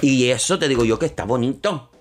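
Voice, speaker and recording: A young man, giving opinionated, sarcastic commentary on a reality show and slipping into quick impressions of the people on it. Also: mid-range voice, slight background noise. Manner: sarcastic, opinionated, mocking asides; quick shifts into quoting others. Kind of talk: casual commentary.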